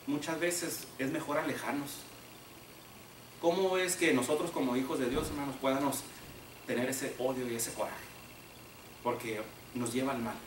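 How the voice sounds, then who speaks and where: A man's voice: medium pitch, a bit bright, a little hiss or hum. A man preaching a sermon, retelling a Bible story and acting out its figures in quoted lines while he keeps calling the congregation "brothers.". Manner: addresses the congregation as brothers again and again. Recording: roomy echo, heard from a distance.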